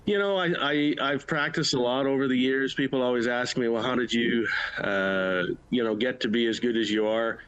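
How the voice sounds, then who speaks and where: Plain-spoken and brief, this middle-aged Manitoban auctioneer replies to a casual interview in short bursts, his Prairie accent clear. The voice is medium-pitched, fairly bright, clear and resonant at normal speed, despite poor audio quality.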